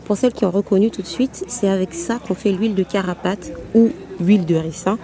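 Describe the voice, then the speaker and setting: A woman vlogs casually on holiday with a handheld camera outdoors, chattily explaining things as she walks and laughing often. Her mid-range voice is brisk, and a crowd can be heard behind her.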